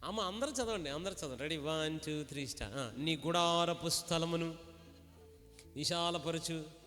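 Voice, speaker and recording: A man preaching a sermon, repeatedly urging the congregation to shout, respond and read along. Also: fairly high pitch, moderate pace. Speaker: pastor. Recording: echoey hall with faint music.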